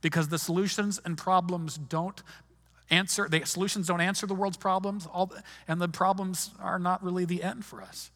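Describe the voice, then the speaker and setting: Speaking at an ordinary speed, this male pastor has a high-sitting, fairly bright voice and a steady tone. His conversational sermon is full of restarted sentences, and the big hall gives it a long, lingering reverb.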